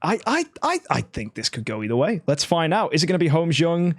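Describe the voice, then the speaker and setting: A man calling a mobile game tournament as lead caster, talking fast and shouting at the big plays. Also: a little high, animated, no room sound, studio quality. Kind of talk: live esports commentary.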